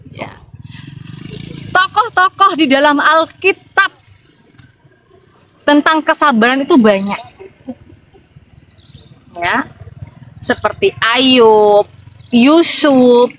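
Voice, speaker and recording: A woman's voice: high-pitched, a little hiss or hum, poor audio. A woman from Madura with a Madurese accent, giving an informal, chatty sermon that keeps calling out to her listeners for responses. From Madura, Indonesia. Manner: lively, chatty preaching with call-and-response to listeners. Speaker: evangelist.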